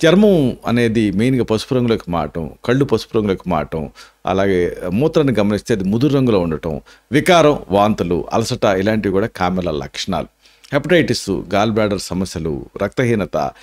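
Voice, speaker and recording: A man's voice: lowish voice, a little mellow. A man, an Ayurvedic doctor giving health tips and explaining symptoms and home remedies. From India.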